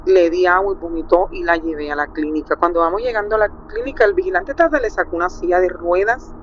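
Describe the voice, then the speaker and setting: A woman's voice: fairly low pitch, quick pace. A middle-aged Colombian woman with a Colombian accent, calling in to tell a personal story with emotion, acting out quotes. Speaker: caller. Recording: muffled call with faint hiss.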